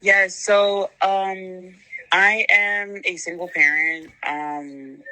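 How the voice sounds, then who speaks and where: A woman calling in to an advice show, talking in an earnest, halting way as she searches for words. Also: lowish voice, fairly even intonation, sharp tone, rough recording. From the Bronx, New York. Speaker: caller. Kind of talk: phone-in call.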